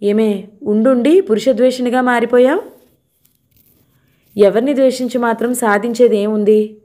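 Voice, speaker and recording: A woman voicing a blunt, sharp-tongued older sister in a novel reading. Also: a little high, fairly even intonation, moderate pace, close to an everyday voice. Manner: blunt, scolding.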